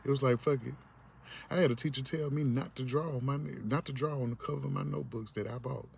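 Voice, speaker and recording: A man's voice: medium pitch, steady tone, fast, gravelly, darkish tone. Blunt, profane man ranting over road noise. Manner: blunt, profane, acts out other people's voices. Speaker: vlogger. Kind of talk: ranting monologue. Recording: vehicle noise in background.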